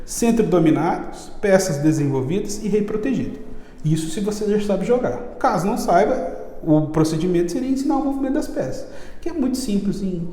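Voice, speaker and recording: A man with a Brazilian accent, a chess teacher chatting casually in an interview and telling stories in a lively, slangy way. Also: high-pitched, a little fast. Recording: echoey room with long reverb.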